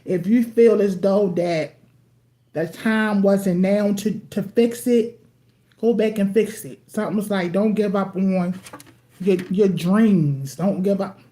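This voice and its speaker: Slow, mellow woman chatting on a live stream. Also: mid-range voice. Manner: chatty, eats while talking, addresses viewers as y'all. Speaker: tarot card reader. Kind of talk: casual livestream tarot reading. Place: at home with TV playing.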